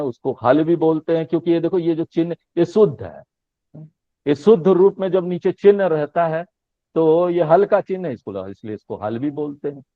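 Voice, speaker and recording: Male teacher, fairly high voice, dry and phone-thin, patient recitation of letters. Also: dry recording. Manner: drawn-out recitation of letters with rising questions. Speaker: Sanskrit teacher. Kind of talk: explaining a language lesson. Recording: tinny phone-line sound, dry.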